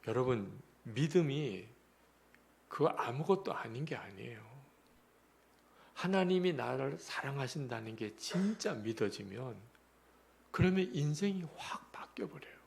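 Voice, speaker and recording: A man preaching a revival sermon in a church, telling a story and moving between hushed whispers and emphatic pleas. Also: medium pitch, big pitch swings, a little slow, gravelly. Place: church sanctuary.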